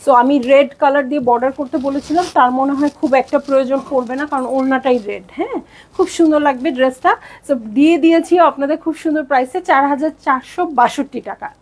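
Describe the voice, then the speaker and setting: A woman's voice: high-pitched, brisk. A young Bangladeshi woman selling dresses on a live stream, chatty and bubbly, often slipping in English words. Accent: Bangladeshi Bengali. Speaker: online clothing seller.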